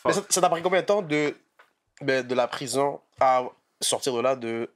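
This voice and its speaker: A man's voice: medium pitch, normal speed. A man chatting casually and joking, cutting in with questions. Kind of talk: casual chat.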